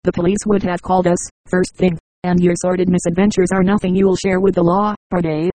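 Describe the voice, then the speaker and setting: A woman's voice: lowish voice, little pitch movement, brisk, dark tone, no room sound, close to an everyday voice, rough recording. Brief: narrator doing a pointed, scolding audiobook mother, level and dry. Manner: pointed, sing-song scolding. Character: stern, pointed middle-aged mother.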